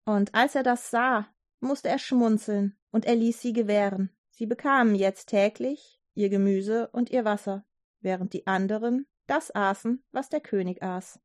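A woman narrating a Bible story for children, lively, with chatty asides to the listener. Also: mid-range voice, unhurried, no echo, clean studio sound.

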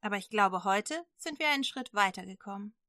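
A woman's voice: medium pitch, lively intonation, fairly quick, bright, forceful tone, no echo, studio quality. Woman doing weary prophet Elijah. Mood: earnest weary. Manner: earnest, sighing pleas. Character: worn-out male prophet Elijah, earnest.

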